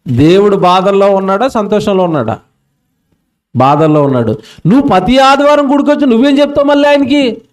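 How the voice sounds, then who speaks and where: A male preacher with a high voice gives a fervent sermon at an outdoor public meeting. He throws questions out to the crowd and stretches his words slowly for weight. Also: lively intonation.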